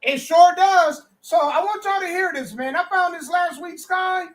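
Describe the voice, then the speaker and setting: High-voiced woman hosting a podcast. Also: measured pace. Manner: emphatic, talks straight to listeners. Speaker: podcast host. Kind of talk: casual podcast chat.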